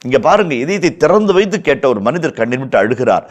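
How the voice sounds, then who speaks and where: A man's voice: a little high, very animated, fast. Tamil-accented male priest, verse-by-verse Bible teaching, fervent and repetitive for emphasis. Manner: impassioned, repeats phrases for emphasis, acts out quoted lines. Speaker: priest explaining scripture.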